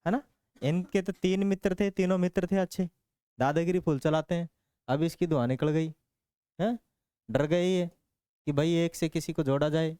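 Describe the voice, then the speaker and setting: This man's voice sits a little high, with a warm, clear and resonant tone, captured dry at studio quality. Running a relaxed, playful maths lesson, he talks through sums step by step, counting the working aloud, sprinkling in jokey anecdotes and asking check-in questions all the time.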